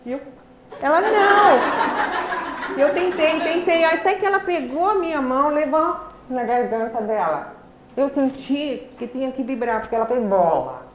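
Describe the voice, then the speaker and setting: A woman with a Brazilian Portuguese accent telling a personal story in a lecture, articulating words deliberately and with effort, in a lively, animated way. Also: high voice. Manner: deliberate, effortful articulation of a speaker who learned speech late. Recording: very echoey hall, faint background noise.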